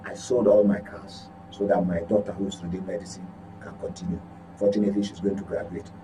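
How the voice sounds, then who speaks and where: Low-voiced and brisk, with little pitch movement, a Nigerian-accented journalist gives emphatic political commentary on a talk show, often repeating and correcting himself. The recording is clearly noisy with electrical hum.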